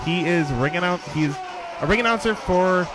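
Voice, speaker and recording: A man co-hosting a wrestling show, talking quickly and chattily, repeating himself for emphasis. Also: high-pitched. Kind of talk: casual commentary banter. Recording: loud crowd and music behind.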